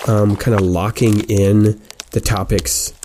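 Mellow low-voiced male game master. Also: fairly even intonation, slight background noise. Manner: descriptive, halting as he builds scenes. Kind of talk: improvised tabletop game narration.

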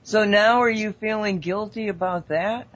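High-voiced man asking questions. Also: moderate pace, a bit bright.

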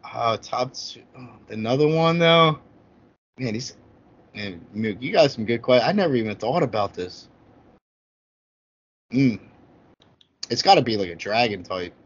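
A man's voice: medium pitch, lively intonation, measured pace, long pauses, breathy edge. Male podcast guest, thirties, frat-bro slang, casual gaming chat, lo-fi sound. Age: 30s. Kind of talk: casual chat about video games. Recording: dull, lo-fi audio.

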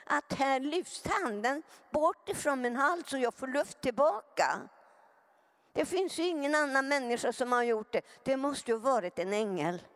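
A woman's voice: high-pitched, expressive. A woman giving an earnest personal testimony to a live audience, often turning to them with direct questions. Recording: long hall reverb.

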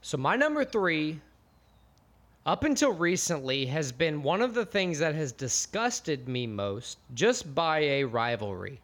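Upbeat American man, slightly high voice. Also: very animated, unhurried, a bit bright. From United States. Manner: enthusiastic, rambling, jokey. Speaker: podcast co-host. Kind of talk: casual podcast banter.

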